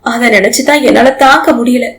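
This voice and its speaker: A woman's voice: a little high, brisk, close to an everyday voice, low-quality recording. Woman playing a tearful, guilt-ridden young wife. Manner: pleading, tearful.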